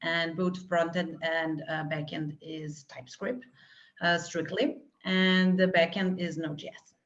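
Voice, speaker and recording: A woman's voice: lowish voice, steady tone, measured pace. A woman from Serbia, a guest developer answering interview questions over a remote call, hesitant and full of filler sounds. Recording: muffled lo-fi call audio.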